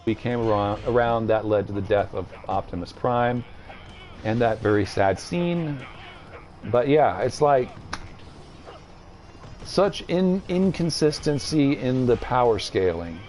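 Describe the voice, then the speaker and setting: A man rambles casually while streaming, his pitch swinging widely as he gets worked up. His voice sits at a middle pitch. Faint ambient noise stays in the background. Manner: rambling, animated, mocking put-on voices. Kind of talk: casual chat while gaming.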